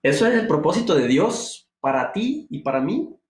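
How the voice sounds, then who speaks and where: A man preaching a devotional sermon, asking emphatic rhetorical questions and rising to high exclamations. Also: very animated, moderate pace. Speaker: pastor. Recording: echoey room.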